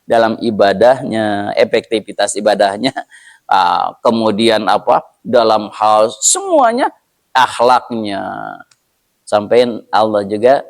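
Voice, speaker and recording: A man's voice: lowish voice, lively intonation, slow pace. A male preacher teaching an evening religious study in a conversational way, with frequent hesitant fillers.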